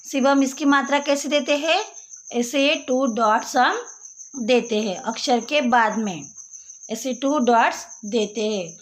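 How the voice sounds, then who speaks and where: A woman's voice: high-pitched, a little slow. A woman teacher giving a patient lesson for young children, explaining and repeating each word and sound. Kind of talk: slow classroom lesson explaining a textbook page.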